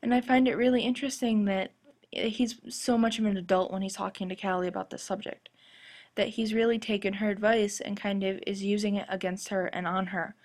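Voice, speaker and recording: A woman with a slightly gravelly, husky voice from a sore throat presents podcast commentary. She explains her points in a measured way, at a middle pitch. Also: a little mellow. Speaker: podcast host. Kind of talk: scripted-sounding TV fan commentary podcast.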